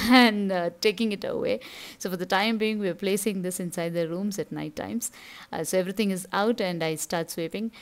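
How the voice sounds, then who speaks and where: A woman's voice: medium pitch, smooth. A middle-aged woman with a Tamil accent, casually narrating her household routine in a chatty, explanatory way as a home vlogger.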